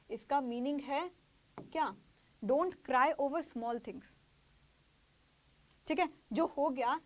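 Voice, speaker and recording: High-voiced woman teaching English idioms. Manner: explains in Hindi, repeats phrases slowly, acts out little skits. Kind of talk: online grammar lesson.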